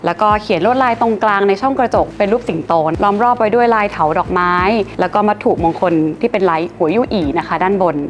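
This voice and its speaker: A woman in her thirties presenting auction highlights in a polite, informative scripted manner, recorded in a gallery showroom with glass display cases. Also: quick pace, hardly any pauses. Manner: polite, informative, frequent soft sentence-final particles. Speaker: auction specialist. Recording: clear music bed behind voice.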